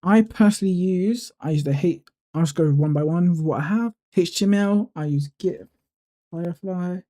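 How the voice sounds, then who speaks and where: Man, deep dark tone, relaxed tutorial narrator who thinks aloud. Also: moderate pace. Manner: relaxed, thinking aloud with fillers and self-corrections. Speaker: YouTuber walking through a code editor setup. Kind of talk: casual screen-recording tutorial.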